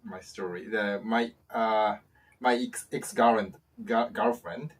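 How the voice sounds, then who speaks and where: A man joining a casual lesson, speaking haltingly as he searches for his words. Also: on the low side, fairly even intonation, breathy edge, far from the mic. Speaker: guest co-host.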